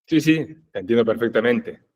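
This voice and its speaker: A man's voice: mid-range voice, animated, normal speed, a little mellow. Male group facilitator, Rioplatense accent, mid-range voice, didactic and conversational, checks understanding often. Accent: Rioplatense Spanish. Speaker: group facilitator in family constellations.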